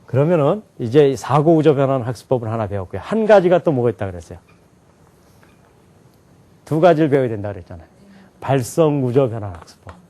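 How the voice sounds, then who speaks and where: A man's voice: mid-range voice, sing-song, a little fast, pauses often, mellow. A man teaching a lecture to a live class. He keeps asking the students questions and then answers them himself. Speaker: English teacher.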